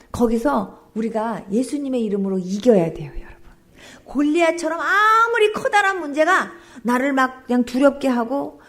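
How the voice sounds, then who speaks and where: A woman pastor giving an emotional testimony sermon, telling her story with exclamations and dropping at times to a whisper. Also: high-pitched.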